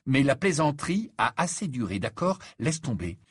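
A man's voice: mid-range voice, sing-song, moderate pace, husky, no room sound, studio quality, voice pushed up. A man voicing an exasperated, level-headed teenage boy wizard in a storybook reading, impatient and incredulous.

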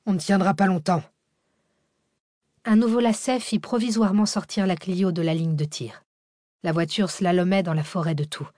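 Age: adult. Sex: woman. Style: low-voiced audiobook narration. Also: fairly even intonation, fairly quick, mellow, no room sound, studio quality. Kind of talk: scripted narration.

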